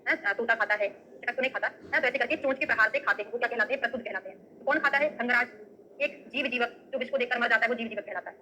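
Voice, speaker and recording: A woman's voice: fairly high pitch, quick pace, sharp tone, slight background noise, rough recording. A woman teaching an exam-prep lecture, often asking students questions and checking with "right?" as she gives memory tricks. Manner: memory tricks and everyday examples. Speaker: Ayurveda teacher.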